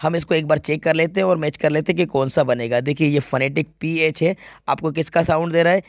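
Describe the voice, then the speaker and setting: A man's voice: a little high, a little fast, vocal fry, dry recording, studio quality. A man teaching English grammar, walking through an exam paper step by step and often checking that students follow. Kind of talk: exam paper walkthrough lesson.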